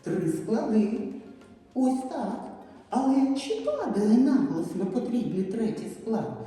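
A woman preschool teacher leading a children's syllable lesson, speaking slowly in an encouraging, sing-song way. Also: fairly high pitch, very animated. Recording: echoey hall, distant mic, soft music.

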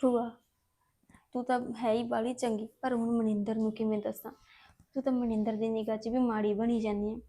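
A woman's voice: fairly high pitch, steady tone, normal speed, close to an everyday voice. An actress with a Punjabi accent playing a wronged young woman who speaks in a subdued, resigned way. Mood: worried. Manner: subdued, resigned, soft-spoken. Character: wronged young woman, Harpreet, thrown out by relatives. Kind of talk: Punjabi web drama acting.

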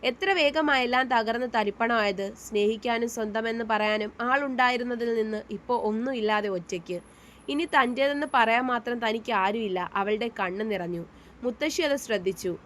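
A woman's voice: on the high side, a little fast, a bit bright, a little hiss or hum. Woman narrating a serialized love story.

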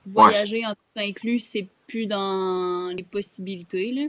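A young adult woman with a Québécois accent chats casually as a panelist on a video-call podcast, calling in from a room at home. Her voice is medium-pitched with fairly even intonation and a slightly slow pace. The recording is dry.

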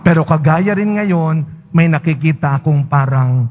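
Man, priest, homily, fairly high voice, conversational, asks questions, church. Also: unhurried, darkish tone. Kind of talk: homily at Mass. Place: large church.

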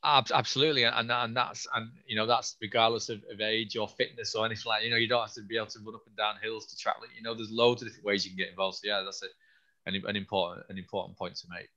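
Low flat-voiced man, slightly hoarse. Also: dull audio. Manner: halting, with frequent restarts and fillers. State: losing his voice a little. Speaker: scientist and event host answering questions. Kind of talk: online Q&A. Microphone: video call.

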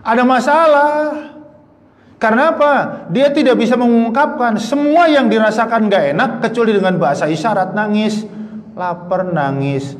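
A man giving a mosque sermon, lively, asking the audience questions and answering them himself. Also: very high-pitched, brisk, hardly any pauses. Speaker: ustadz giving a mosque lecture. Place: mosque hall. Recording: long hall reverb.

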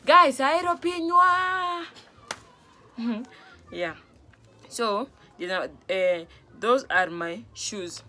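With a fairly high, sharp voice, this young Kenyan vlog host, a native Luo speaker, talks extremely slowly and pauses often. She explains phrases to camera from the couch of a small room at home, conversational and repetitive, often checking she's understood, over a slight hiss or hum.

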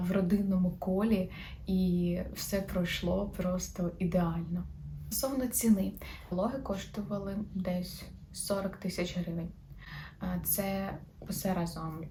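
A woman's voice: lowish voice, a little hiss or hum. A young woman from Ukraine, a new mother, talking openly in a casual personal vlog. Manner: chatty and open, quick soft laughs.

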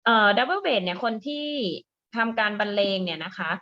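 A woman music teacher giving a patient online lesson to young pupils, softening each phrase with polite particles. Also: a little high, very animated, normal speed, muffled recording. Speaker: primary school music teacher. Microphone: computer mic on a video call.

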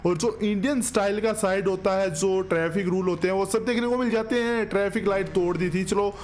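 A high-voiced man speaks briskly with fairly even intonation, and a little hiss or hum sits under the audio. As a gaming video host, he jokes through chatty, casual gameplay commentary and keeps calling viewers "bro." He's recorded close on a desk microphone, with a headset, in a small indoor studio setup.

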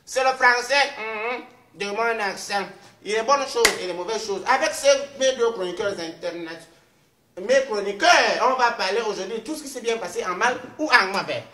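A woman playing a loud, teasing comic news anchor in a mock news sketch. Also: mid-range voice, moderate pace, close to an everyday voice. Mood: bossy. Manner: loud, teasing, swings up into exclaiming. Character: brash female TV news anchor, customs officer. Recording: echoey room.

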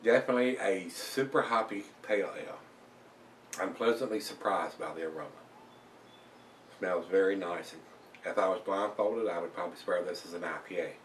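An older man chats his way through a beer review in a relaxed, rambling way, with plenty of uh's. His voice sits on the low side. He is recorded at home by a camera across the room, so the sound is distant and roomy. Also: a little fast, slight background noise. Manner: relaxed, chatty, with many fillers. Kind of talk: casual beer review vlog. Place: small room at home, indoors.

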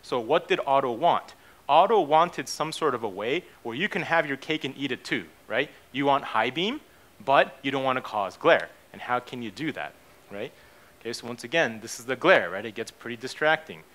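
A man's voice: mid-range voice, lively intonation, moderate pace, fairly bright tone. Casual man presenting on stage. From born in Japan, raised in the United States. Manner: casual, many fillers and tag questions like "okay" and "right". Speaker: keynote speaker, company CEO. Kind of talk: conference presentation. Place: conference stage in a hotel hall.

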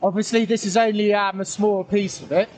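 A middle-aged, pipe-smoking vlogger chats casually outdoors in a wooded valley, rambling hesitantly and correcting himself as he goes. His voice sits high and is a little mellow, delivered flatly and fairly quickly, with outdoor ambient noise and the camera at a distance.

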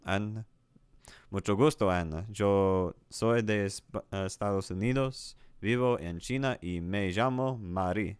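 With a lowish, clear, resonant voice and a slow pace, a man streams a language app as he learns Spanish. He repeats lines aloud in casual commentary, catching his errors with little laughs, and there's no echo.

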